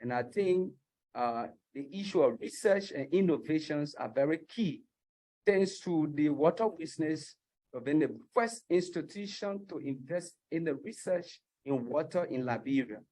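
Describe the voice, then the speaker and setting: A man giving earnest, measured closing remarks as a panel speaker. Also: fairly high pitch, lively intonation, dark tone, rough recording.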